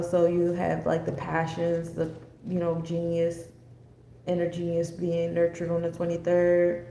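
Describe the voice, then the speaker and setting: A woman's voice: on the low side, gravelly, dark tone. Rambling American woman lecturing casually, echoey room. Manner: rambling, conversational, digressive teaching. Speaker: astrology forecast presenter. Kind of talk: casual livestream lecture, unscripted. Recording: echoey room with faint background noise.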